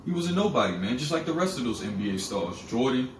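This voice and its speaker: A man preaching fiery scripture commentary, declamatory and booming loudly when he reads verses. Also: big pitch swings, fast talker. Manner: declamatory, rising loud when reading verses. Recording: roomy, distant mic with faint noise.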